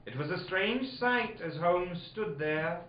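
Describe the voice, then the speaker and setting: An anxious gentleman doctor acted by a man in a comic radio play, theatrical and exasperated. The voice is high and very animated, caught in a roomy, dull-sounding recording. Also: measured pace, a crowd in the background. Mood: storytelling. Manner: theatrical, melodramatic narration. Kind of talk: comic old-time radio drama acting.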